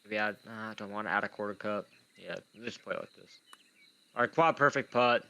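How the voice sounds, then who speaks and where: Playing games while he talks, a young man gives rambling, casual commentary that pokes fun at himself. He has a speech impediment, saying w for r, and his lowish voice comes across fairly quick, pushed and bright.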